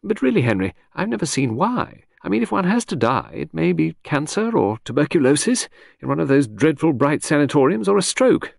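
A man's voice: fairly high pitch, very animated, brisk, vocal fry, dry recording, studio quality, pitched above the performer's own voice, exaggerated voice. A man voicing a flighty older aristocratic lady who chatters and rambles breezily. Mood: breezy.

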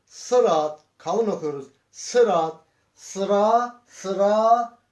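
A man teaching Quran reading in a slow lesson, sounding out syllables one by one and asking his students patient questions. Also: sits high, a little mellow. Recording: echoey room.

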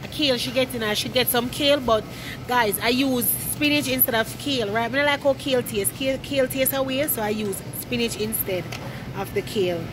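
A woman's voice: fairly high pitch, a little fast. Chatty Jamaican woman filming in a supermarket. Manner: chatty, laughs often, talks to viewers while walking. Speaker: vlogger. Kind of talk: casual vlog chat. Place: large indoor supermarket. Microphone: phone held at arm's length. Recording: loud store background noise.

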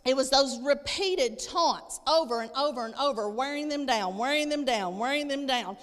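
A thirty-something woman preaches indoors from a church-stage lectern, her high, slightly bright voice moving at a moderate pace. Emphatic as she reads and unpacks scripture, she repeats phrases to drive them home. Her handheld mic picks up a reverberant, echoing hall.

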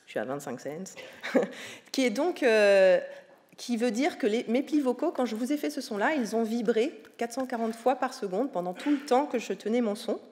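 A woman's voice: a little high, lively intonation, normal speed, a little mellow. A woman giving a public science lecture on the voice, explaining patiently with many hesitations. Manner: explanatory, with frequent hesitations and fillers. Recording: reverberant lecture hall.

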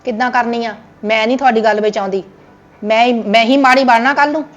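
Quick, high-voiced grumbling woman. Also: steady tone, muffled recording. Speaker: mother in a comedy sketch. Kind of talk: Punjabi family comedy sketch.

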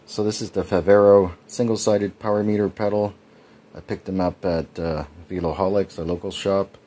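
With a low, mellow voice, steady in tone and moderate in pace, a man in his forties talks through his bike build over clips. He's a cycling vlogger, relaxed and chatty, with lots of ums.

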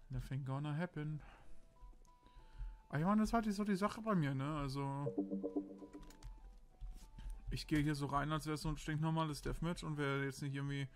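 A young man from Berlin giving rambling, crude, casual commentary while playing a shooter game. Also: medium pitch. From Berlin, Germany. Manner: rambling, crude, self-justifying chatter. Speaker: let's play commentator.

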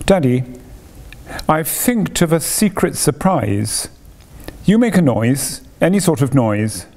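An eager little cave girl from a storybook, talking in a raised, childlike voice as a man puts her on. She pleads earnestly and bubbles with ideas, her pitch leaping about in a lively way. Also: takes it slowly, heavily acted. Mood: excited.

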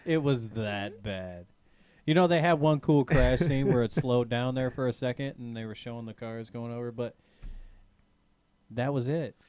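A man's voice: medium pitch, moderate pace, darkish tone, smooth, no echo. A man co-hosting a casual gaming podcast, teasing, swearing and laughing often. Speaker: podcast co-host. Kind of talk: casual chat.

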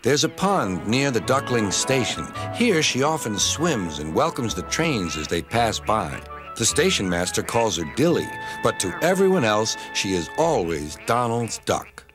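A man narrating a children's train story in a gentle, expressive storytelling manner. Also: lowish voice, measured pace, hardly any pauses. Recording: narration over music.

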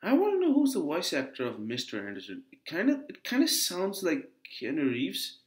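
A man reading an otome game aloud, voicing the lines with animated chatty asides. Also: fairly high pitch, moderate pace, reverberant, low-quality recording. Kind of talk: reading dialogue with commentary.

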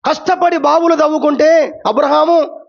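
High-voiced man preaching a sermon. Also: steady tone, normal speed, gravelly, muffled recording. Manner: repetitive preaching with rising exclamations. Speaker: pastor.

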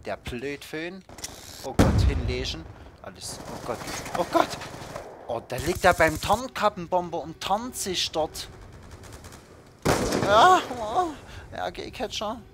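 A young man hosting his own gaming video, giving excited play-by-play of a shooter match and yelping at every hit. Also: high voice, takes it slowly. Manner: yelps and groans at the game, shouting in bursts. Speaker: gaming channel host. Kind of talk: excited Call of Duty commentary. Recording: loud background game noise.

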